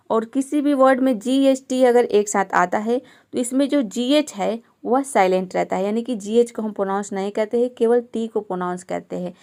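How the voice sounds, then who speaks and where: A woman's voice: fairly high pitch, a little mellow. A woman teaching an English pronunciation lesson step by step, patiently explaining each letter and asking rhetorical questions to her students.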